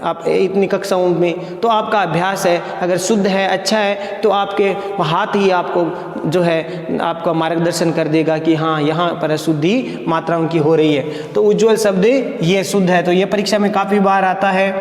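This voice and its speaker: High-voiced male teacher, echoey. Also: level tone. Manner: patient, repeats words slowly with many check-ins. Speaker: college Hindi lecturer. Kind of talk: classroom grammar lesson. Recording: echoey room with long reverb.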